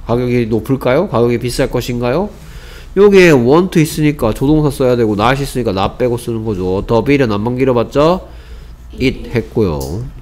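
A man teaching an English grammar lesson, often asking whether students follow and slowly repeating example sentences. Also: mid-range voice, animated, a little mellow. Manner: asks rhetorical check questions, repeats example sentences slowly.

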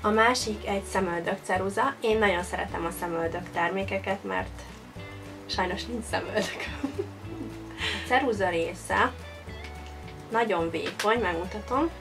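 A young woman explains her makeup steps straight to the camera in a friendly, instructive tone. Her pitch sits in an ordinary middle range. Clear background music plays under her voice. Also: long pauses. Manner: friendly, instructive, addressing viewers directly. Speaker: beauty vlogger. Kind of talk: makeup tutorial talk. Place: small bright indoor room.

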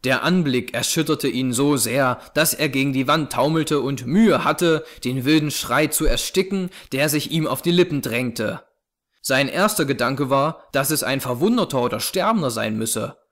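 A man reading a classic novel aloud as narrator, with measured, suspenseful storytelling. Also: medium pitch, a bit bright.

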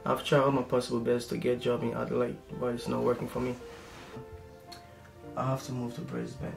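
An actor playing an affectionate, smooth-talking young boyfriend in a film drama. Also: male voice, medium pitch, monotone, fairly quick, faint music behind. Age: young adult. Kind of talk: film acting. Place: bedroom.

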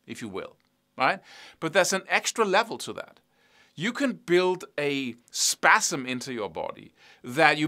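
A middle-aged man talks through a guitar lesson in a loose, casual way, often doubling back on his words. His voice sits a little high and sounds bright and forward. He scats rhythms out loud as he explains them. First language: Danish. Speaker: guitar teacher.

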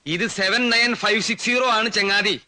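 Sarcastic quarrelsome neighbor. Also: male voice, sits high, normal speed, sharp tone, no echo. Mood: mocking. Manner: sarcastic, taunting. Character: mocking quarrelsome middle-aged man, former law clerk. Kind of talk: film comedy dialogue.

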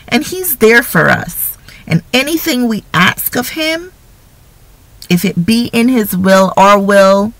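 A woman's voice: mid-range voice, gravelly, a bit bright, dry recording, rough recording. A woman giving an informal devotional talk on prayer, speaking conversationally and often checking in with listeners by asking "right?". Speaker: faith speaker.

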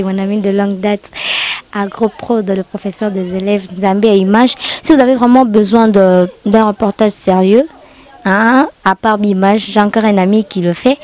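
A woman's voice: medium pitch, a little mellow. A young woman with a Congolese French accent, a TV presenter talking on camera in an interview, often hesitating and slipping into Lingala. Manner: mixes in Lingala, many hesitations.

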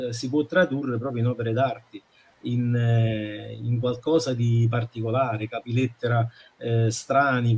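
Man, husky voice, mid pitch, earnest, halting, casual chat guest. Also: a little mellow. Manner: earnest, halting with frequent fillers. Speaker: calligraphy association member.

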